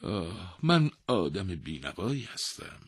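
A man voicing a poor, frightened old woodcutter who pleads humbly in a husky voice. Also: sits low, big pitch swings, no echo, clean studio sound, heavily acted. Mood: pleading.

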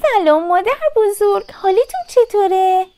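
A woman voicing a sweet, innocent little girl in a storybook reading, speaking in a high, sweet, wide-eyed manner. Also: dark tone.

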